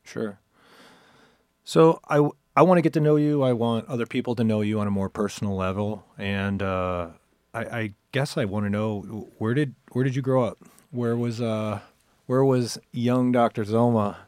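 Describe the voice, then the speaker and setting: Deep-voiced casual male podcast host. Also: a little mellow, no room sound. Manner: casual, chatty, halting restarts. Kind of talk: interview conversation.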